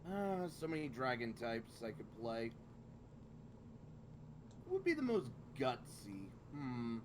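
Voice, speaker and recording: A man chatting casually as a tabletop player, excitable and swearing freely. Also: medium pitch, takes it slowly. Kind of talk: casual chat over voice call. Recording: clear background noise.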